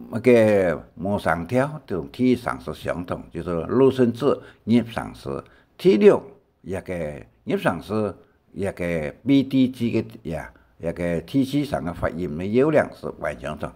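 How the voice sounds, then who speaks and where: An older man from Taiwan teaching a Hakka language lesson, explaining slowly with many fillers and repeated words. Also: low-pitched, big pitch swings, dark tone. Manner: slow, rambling explanations with many fillers and repetitions.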